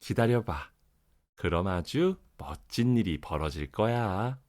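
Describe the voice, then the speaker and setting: A man voicing a calm, reassuring animal mother in a storybook, enunciating carefully. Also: deep voice, slow.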